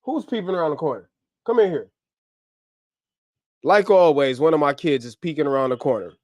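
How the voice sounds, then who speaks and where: A man from the US hosts a casual livestream at home, reeling off upbeat, slangy shout-outs. He is running on little sleep, and his voice sits a bit high. The sound is dry and close, with no room echo. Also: lively intonation, a little fast. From US, grew up in Ohio. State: short on sleep. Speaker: livestream host. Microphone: camera mic on a livestream setup.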